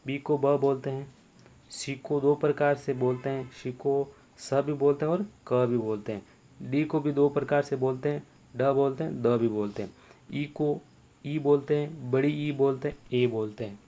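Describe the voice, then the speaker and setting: A man's voice: mid-range voice, fairly even intonation, a little slow, mellow. A man teaching the sounds of English letters, repeating each sound and quizzing the viewer. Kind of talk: spoken language lesson.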